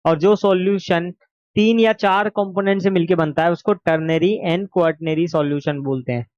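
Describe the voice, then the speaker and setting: A man's voice: high-pitched, fairly even intonation, a little slow, darkish tone, dry recording, muffled recording. A man with a sore throat teaching an exam revision lesson, explaining patiently and asking and answering his own questions.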